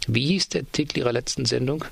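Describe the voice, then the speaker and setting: A man voicing a stern male radio director who speaks softly and curtly. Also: medium pitch, fast, vocal fry, slightly rough, no room sound, voice pushed up, heavily acted. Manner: deceptively soft, curt.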